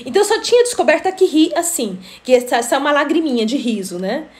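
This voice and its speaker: A woman's voice: high voice, lively intonation, fast talker. A middle-aged woman, hosting a live stream and telling stories in a chatty way, often laughing and greeting viewers by name. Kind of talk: casual storytelling live stream.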